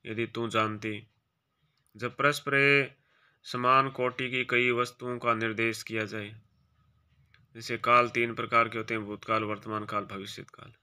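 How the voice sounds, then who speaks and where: Guy teaching a grammar lesson, super bright voice, reads each quiz option then mutters if it's right or wrong. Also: level tone, measured pace, clear, resonant tone. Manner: drops quieter and lower for short asides. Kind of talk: exam-prep grammar lesson.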